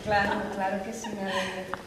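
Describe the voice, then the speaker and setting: A woman's voice: mid-range voice, flat delivery, fast, close to an everyday voice. An actress playing a sad young woman torn between two worlds, weary and evasive with her lover in a stage drama. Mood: melancholy. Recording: echoey hall, distant mic, faint noise.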